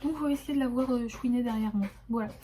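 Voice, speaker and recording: A young woman chatting casually to her viewers from her desk at home, relaxed and full of hesitations. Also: fairly high pitch, fast talker, slight background noise. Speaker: vlogger. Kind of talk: casual chat to camera. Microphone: phone camera.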